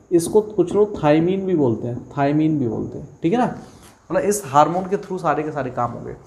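A man's voice: a little high, darkish tone. Guy teaching a biology class, asks then answers his own questions, repeats key words, bit of faint hiss behind. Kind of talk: exam-prep lecture.

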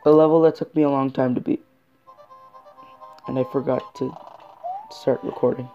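A woman's voice: very deep voice, steady tone, normal speed. A woman gaming YouTuber giving let's-play commentary, easily exasperated and groaning at the game. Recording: dull lo-fi recording with game music. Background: video game music.

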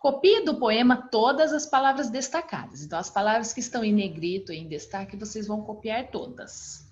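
A woman's voice: on the high side, animated, a little fast. A woman with a Brazilian Portuguese accent teaching a recorded online class to young children, explaining each exercise patiently and step by step. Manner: affectionate, calls the class "turminha". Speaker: primary school teacher. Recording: dull lo-fi recording.

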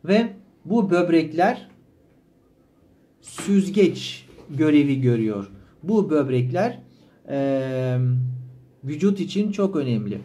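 A male language teacher reading a story aloud, pausing to repeat and explain words slowly. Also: a little high, sing-song, mellow. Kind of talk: slow explanatory reading lesson.

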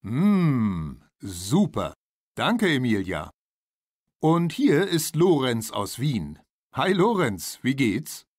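A man acting a friendly interviewer in a scripted language-lesson dialogue, asking questions slowly. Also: mid-range voice, sing-song, no echo, studio quality, heavily acted. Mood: curious. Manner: slow, inviting questions. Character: friendly man interviewing people about breakfast.

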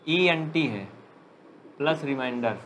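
A man teaching a live online maths class who jokes with students and dictates slowly. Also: fairly high pitch, a bit bright, slight background noise. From India. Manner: chatty, joking, dictates slowly.

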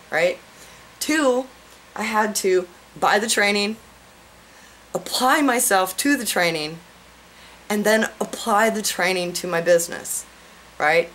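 A woman talking to camera about her online business plans, excited and rambling, a little out of breath, often asking "right?". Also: fairly low pitch, slight background noise, poor audio. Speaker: online marketing vlogger. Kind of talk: casual talk to camera. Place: at home, with a whiteboard behind her.

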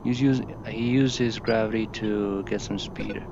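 A man's voice: lowish voice, unhurried, vocal fry. A man giving live commentary while flying a jet in a VR flight game, tense and swearing under pressure. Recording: muffled lo-fi with steady noise.

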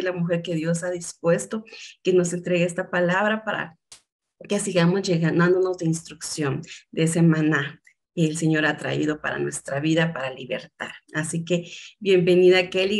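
Woman hosting a church women's meeting. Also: fairly low pitch. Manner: warm, affectionate address to the group. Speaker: meeting host. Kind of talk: welcoming a prayer meeting.

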